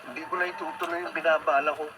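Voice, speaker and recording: Over a very noisy radio broadcast, an actor with a Filipino accent plays a lovestruck, dramatic young male student in a radio drama, pleading and persistent. His fairly high voice races along with fairly even intonation, close to how he'd normally talk, and the mood is hopeful and wooing.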